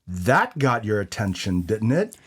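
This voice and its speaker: Man acting a husky, swooping noir detective. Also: lowish voice, sing-song, a little slow, full character voice. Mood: tough, menacing. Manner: noir detective parody, tough-guy narration and banter. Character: dim, brash hard-boiled noir detective, male. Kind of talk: scripted comedic noir audio drama.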